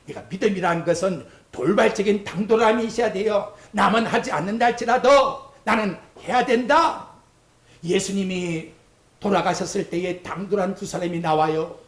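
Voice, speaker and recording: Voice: medium pitch, moderate pace. A pastor preaching a fervent sermon in a church sanctuary, acting out prayers and quotes as he goes. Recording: echoey church hall.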